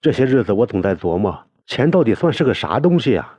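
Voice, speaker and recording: A deep-voiced man reading a novel aloud, voicing a young man who is choked with tears and speaks in halting, broken phrases. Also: sing-song, dark tone, no room sound. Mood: tearful. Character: young man, weeping, torn up over family.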